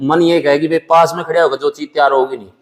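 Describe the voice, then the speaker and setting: A dairy farmer and buffalo breeder with a Haryanvi accent gives practical advice in a casual interview. His voice is on the high side, fairly even and quick, with a long reverb tail. He talks plainly and colloquially, often calling the listener "brother."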